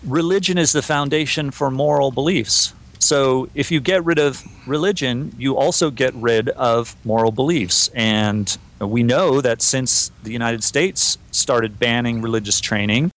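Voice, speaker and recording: A man co-hosts a podcast with a voice of ordinary pitch. He talks through the topics in a loose, conversational way and reads listener emails aloud. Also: unhurried, few pauses, fairly bright tone. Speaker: podcast co-host. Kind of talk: casual podcast discussion.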